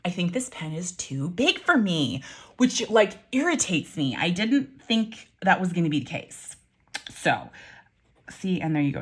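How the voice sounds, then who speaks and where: This pen and ink reviewer has a lowish, fairly bright voice. Her vlog is loose and chatty, wandering along with lots of ums, corrections of herself, and dry, lightly profane remarks.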